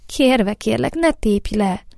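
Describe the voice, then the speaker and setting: Egy nő, aki egy apró, félénk, könyörgő hóvirágot szólaltat meg halk, lehelletszerű hangon, mesében. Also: female voice, medium pitch, fairly even intonation, no echo. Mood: pleading. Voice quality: soft, hushed, breathy. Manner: pleading, then proud. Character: tiny shy pleading female snowdrop flower.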